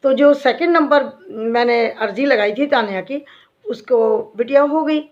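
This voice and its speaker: A middle-aged woman who is a devotee and bhajan singer tells fellow devotees an emotional faith story, sounding heartfelt and earnest. Her voice is on the high side and a little slow, and the recording is dull and lo-fi.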